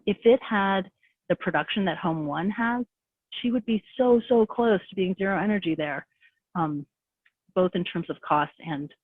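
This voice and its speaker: A woman's voice: fairly low pitch, dry recording. Woman walking thru her slides on a call, lots of um and like, sounds kinda phone-y and dry. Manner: rapid, conversational, many fillers. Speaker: presenter. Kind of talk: webinar presentation. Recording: tinny phone-like call audio.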